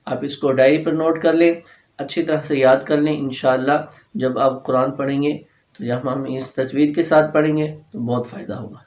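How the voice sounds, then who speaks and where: A man gives a patient tajweed lesson, sounding out each letter slowly and breaking into long chanted verses. His voice sits mid-pitch and rings in an echoey room. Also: steady tone, darkish tone. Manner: chants Quranic verses in drawn-out recitation. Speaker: Quran recitation teacher.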